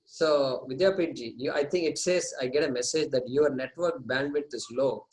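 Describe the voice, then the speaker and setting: A man's voice: mid-range voice, moderate pace, darkish tone. A man hosting an online orientation over a video call, patiently giving technical instructions to participants. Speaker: session host.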